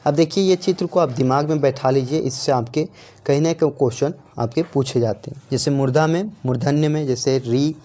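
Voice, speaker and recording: A man's voice: mid-range voice, brisk, warm tone. A man with a Jharkhand Hindi accent teaching an exam-prep grammar lesson, repeating points and asking and answering his own questions.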